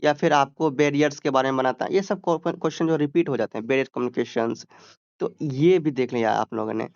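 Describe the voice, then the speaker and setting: A man's voice: a little high, creaky, dry recording, highs cut off. Man tutoring with patient check-ins. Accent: Hindi. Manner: explains step by step, drawing out English words and checking in often. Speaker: exam tutor. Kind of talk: exam-prep lesson.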